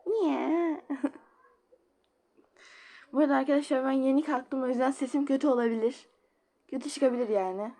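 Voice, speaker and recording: A woman's voice: high voice, normal speed, long pauses, dark tone. A woman chatting casually while she plays a game, giggling often and reading chat messages aloud. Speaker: game streamer. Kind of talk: casual gameplay commentary.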